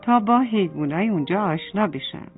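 A woman's voice: medium pitch, lively intonation, music in the background, natural voice. Woman voicing Laki, a curious little boy turtle. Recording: tinny phone-like sound.

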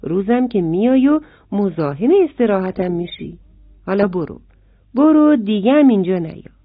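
A woman's voice: mid-range voice, animated, no room sound, lightly acted. Grumpy male ladybug in a storybook, voiced by a woman; dry, lo-fi recording. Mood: angry. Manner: irritable, snapping. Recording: dry, phone-like sound.

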